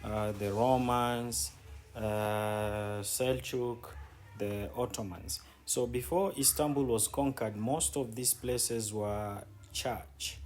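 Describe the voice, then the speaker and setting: Faint music sits behind a man with a mid-range, slightly mellow voice who speaks slowly with fairly even intonation. As a travel vlogger and city guide, he leads viewers outdoors along city streets with casual, conversational commentary, often repeating words for emphasis. The recording carries background noise and outdoor street ambience.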